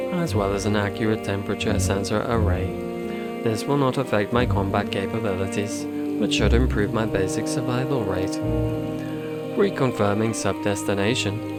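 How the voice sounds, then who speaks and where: A man's voice: fairly low pitch, natural voice. A man voicing a literal-minded robotic machine intelligence, reading its lines in stiff, clipped, precise wording. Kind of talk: reading game dialogue aloud.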